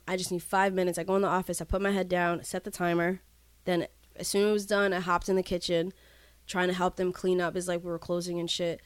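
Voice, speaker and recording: A podcast co-host with a fairly low-pitched voice tells stories in casual chat, animatedly acting out the quoted dialogue. The recording is clean, with no echo.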